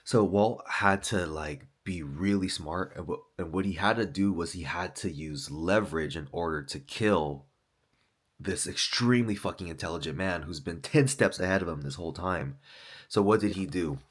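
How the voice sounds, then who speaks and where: Deep-voiced man rambling casually. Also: moderate pace. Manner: loose, profane, full of fillers like "like" and "dude". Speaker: author and podcaster.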